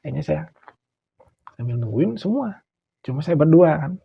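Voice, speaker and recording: Gravelly Sundanese-accented man telling a ghost story. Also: fairly high pitch, normal speed. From West Java, Indonesia. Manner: animated, acts out quotes, drops to near whispers. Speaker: guest storyteller. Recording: dull lo-fi sound.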